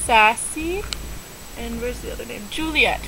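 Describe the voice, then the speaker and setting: A woman from Canada chatting casually on a home video, bubbly and given to high sing-song cheers. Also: animated, unhurried, noisy background. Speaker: vlogger. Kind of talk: casual chat.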